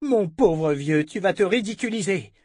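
A man's voice: high voice, animated, normal speed, a little mellow, no echo, studio quality, pitched above the performer's own voice. A man reading an audiobook and voicing a defiant captive woman inquisitor who taunts her captor. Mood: taunting. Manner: taunting, scornful.

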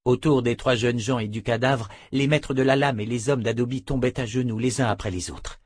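A man narrating an audiobook in a steady, measured dramatic reading. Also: medium pitch, slightly rough, no room sound. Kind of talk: scripted narration.

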